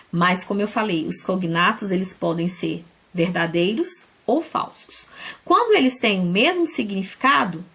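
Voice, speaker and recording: A Portuguese-speaking woman teaching English vocabulary, explaining patiently, often checking in with her students and slowing down to spell out example words. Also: mid-range voice, creaky, a bit bright. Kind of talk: recorded classroom lesson.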